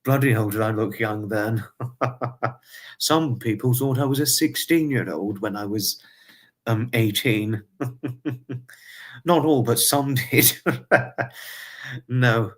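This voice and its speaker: A man's voice: medium pitch, slow, long pauses, soft background music. Guy in his twenties chatting to his stream chat, kinda rambly, says things twice, oddly formal wording. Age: 20s. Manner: chatty, repeats himself, quaintly formal phrasing. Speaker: livestream host. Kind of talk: casual livestream chat with viewers.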